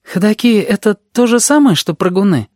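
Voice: mid-range voice, animated, moderate pace, darkish tone, no room sound, studio quality, pitched above the performer's own voice, lightly acted. A reader voicing a timid, curious young boy who asks careful, wondering questions. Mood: cautious.

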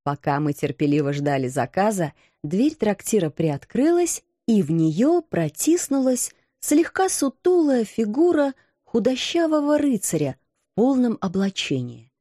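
Woman narrator, first-person story, lively pitch, warm mellow voice, dry close sound. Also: measured pace, no echo. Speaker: audiobook narrator.

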